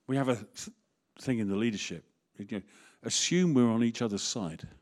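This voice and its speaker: A man preaching as the vicar of his parish. His voice sits at a middle pitch, and his manner is candid and conversational, full of asides and wry jokes. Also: moderate pace. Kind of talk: sermon.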